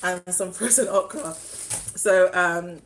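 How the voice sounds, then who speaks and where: A woman's voice: fairly low pitch, slow, slight background noise, rough recording. A young woman chatting casually on a live stream, rambling and answering viewer comments as they come in. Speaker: spiritual vlogger doing a live stream.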